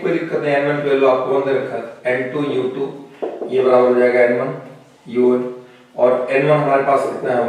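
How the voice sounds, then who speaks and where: A man teaching a physics lesson in a classroom, working through problems step by step and often checking with his students. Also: mid-range voice. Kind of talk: classroom lecture. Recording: echoey room, voice from a distance.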